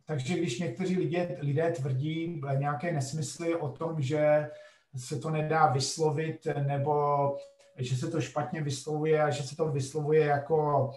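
A man's voice: on the high side, level tone, a little mellow, echoey room, recorded from a distance. A middle-aged man, a geography professor, telling a story in a lecture-like way, emphatic, with frequent hesitation sounds. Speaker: podcast guest, geography professor.

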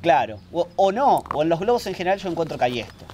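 A man's voice: on the high side, sing-song, fast, a little mellow. A man co-hosting a storytelling show, talking in an easygoing, hesitant way and repeating words. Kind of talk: casual studio chat.

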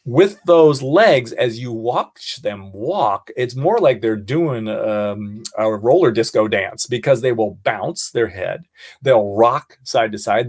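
Male naturalist teacher with an American accent, playful and animated, lively in pitch. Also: husky. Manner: playful, animated, asks the class questions. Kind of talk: online class lesson.

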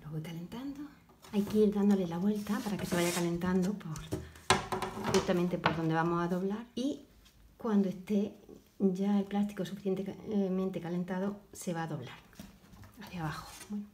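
A woman DIY video maker with a lower-pitched voice demonstrates a craft build step by step while she works in her home kitchen. She speaks haltingly, restarting often and adding soft asides, and the room is echoey and noisy.

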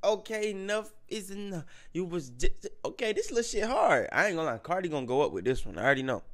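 High, lively man reacting excitedly. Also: fast talker, music in the background. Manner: excitable, exclaiming, heavy slang and cursing. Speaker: reaction video host. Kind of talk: casual reaction commentary.

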